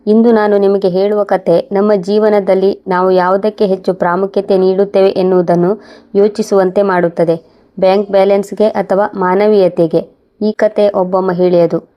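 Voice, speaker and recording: A woman telling a moral story as scripted first-person narration, calm and measured. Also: medium pitch.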